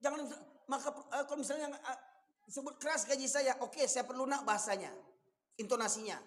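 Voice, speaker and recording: A man with a Minangkabau accent, preaching a fiery, scolding sermon that rises to shouts. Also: very high voice, fairly even intonation, a little fast. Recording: long hall reverb.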